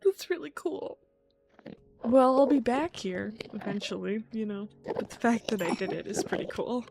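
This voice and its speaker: A woman's voice: fairly high pitch, normal speed, vocal fry, a little mellow, a little hiss or hum. A young adult woman, a gaming creator, who reacts aloud as she plays, swearing freely and talking to the game, and also narrates in a reflective voice-over. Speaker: gaming YouTuber.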